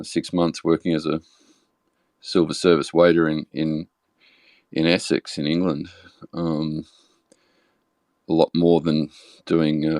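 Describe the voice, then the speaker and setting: A man hosting a podcast, speaking in a hesitant, casual way with many pauses. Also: rumbling low, gravelly, a little mellow, no echo. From Australia. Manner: hesitant, many fillers and restarts. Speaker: podcast host. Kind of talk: casual interview chat.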